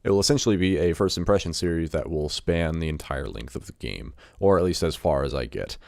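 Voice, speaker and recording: A man's voice: rumbling low, expressive, a little fast, gravelly, darkish tone, no echo, clean studio sound. A man hosting casual first-impressions video game commentary, talking informally as if thinking aloud. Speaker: video game review host. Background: music.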